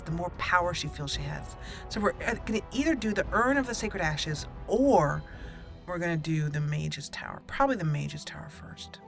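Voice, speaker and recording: Over game music, a woman hosting a roleplay gameplay video guides her viewers in a friendly, talkative way, laughing easily. Her voice is fairly low-pitched, gravelly and fairly bright.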